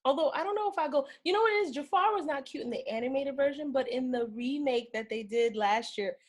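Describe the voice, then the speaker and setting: A woman co-hosting a casual podcast chat, talking in an animated, emphatic way and laughing often. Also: sits high, quick pace. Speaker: podcast co-host.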